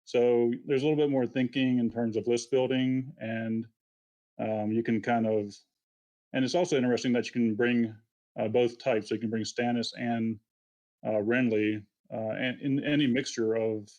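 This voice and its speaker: A man's voice: mid-range voice, steady tone, moderate pace, a little mellow. A man, explaining methodically step by step in a casual interview. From Alabama, US.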